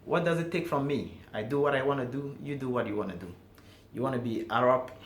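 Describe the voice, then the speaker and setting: A man's voice: medium pitch, fast talker. A man from Ghana with a Ghanaian accent, speaking emphatically and directly to viewers in a talking-to-camera vlog. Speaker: vlogger. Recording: echoey room with faint background noise.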